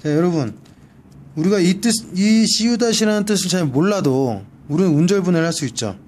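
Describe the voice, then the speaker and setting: A man's voice: high-pitched, expressive, brisk, a little mellow. A man teaching a one-on-one Spanish grammar lesson, patiently repeating each word for practice. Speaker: Spanish tutor. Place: library.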